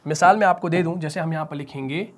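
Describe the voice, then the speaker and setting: A man with a Pakistani Urdu accent teaching Quran recitation rules, who asks the class questions, answers them himself and stretches out the example words slowly. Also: fairly high pitch, a little hiss or hum. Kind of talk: spoken tajweed lesson at a whiteboard.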